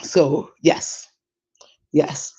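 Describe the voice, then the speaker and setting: A woman in her forties with a Brooklyn New York accent, hosting a podcast in casual chat, animated, laughing often and digressing. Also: drawn-out words, lo-fi sound. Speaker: podcast host. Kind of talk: casual chat reading listener comments.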